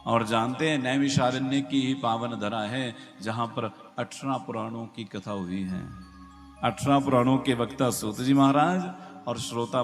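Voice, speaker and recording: A male preacher speaks slowly and emphatically through a loudspeaker system with a heavy, cave-like echo trailing every word. Clear devotional music plays beneath his sermon as he turns to the listeners with questions. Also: medium pitch. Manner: rhetorical, asks the audience questions, slow and emphatic. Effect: heavy echo on the sound system. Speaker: Bhagavat katha preacher. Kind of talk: devotional sermon with scripture verses. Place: large devotional gathering with an audience. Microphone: microphone through a loudspeaker system.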